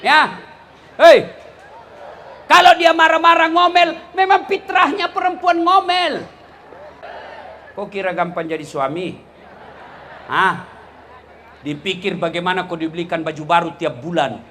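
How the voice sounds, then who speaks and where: High-voiced man preaching with comic shouts. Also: lively intonation, a little slow, long pauses, a little hiss or hum. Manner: teasing, swings from low asides to shouts. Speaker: Islamic preacher. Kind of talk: comedic sermon.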